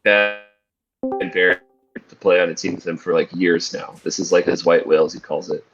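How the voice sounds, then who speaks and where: A man's voice: low-pitched, fairly even intonation, normal speed, muffled recording, over music. A man co-hosting a casual chat, rambling through filler-heavy talk while his call audio breaks up and crackles. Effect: crackling online call audio, breaking up. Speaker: podcast co-host.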